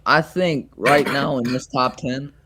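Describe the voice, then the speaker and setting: Male co-host, laid-back sports banter, energetic and slangy; hiss-heavy web call recording. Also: medium pitch, measured pace. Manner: excitable, says "bro" a lot. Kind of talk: casual sports chat.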